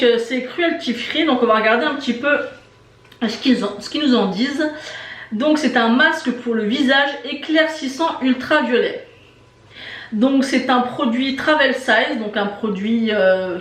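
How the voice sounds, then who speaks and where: Brief: enthusiastic female beauty vlogger, slightly high voice, echoey room, chatty unboxing tone. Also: recorded from a distance. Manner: chatty, enthusiastic, many fillers and repeated "très très". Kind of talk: casual unboxing review. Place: indoor room with shelves of lipsticks behind.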